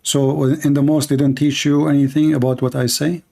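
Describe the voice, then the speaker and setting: A native Arabic-speaking man hosts a live religious call-in show, pressing a caller with insistent, repetitive questions in a conversational debate. His voice is fairly high and level in tone, brisk, gravelly, and warm.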